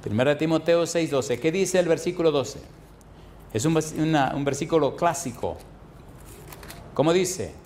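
A man delivers a sermon as a pastor, moving from quiet, slow stretches to loud, high bursts of emphasis. He leans on repeated phrases and rhetorical questions aimed at the congregation. Slight background noise can be heard.

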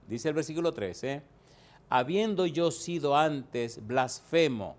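A man preaching a sermon, dramatic and emphatic, rising to loud bursts and reading out scripture references slowly. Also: on the high side, lively intonation.

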